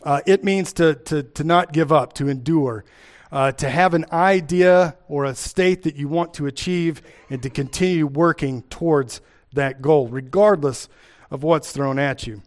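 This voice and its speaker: A man's voice: on the high side, measured pace. A man from Kentucky with an Appalachian accent, preaching a sermon and teaching from scripture, repeating key phrases for emphasis.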